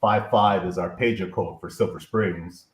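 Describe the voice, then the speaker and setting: Casting: low-voiced man reminiscing, on a roomy remote line with faint hiss. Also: normal speed. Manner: reminiscing, tells a story with warm praise. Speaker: guest. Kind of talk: casual chat.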